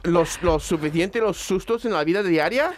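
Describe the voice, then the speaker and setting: A high-pitched man talks in a casual panel chat. He stumbles and repeats words and pokes fun at himself. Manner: halting, self-deprecating, repeats words. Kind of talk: casual group chat in Spanish.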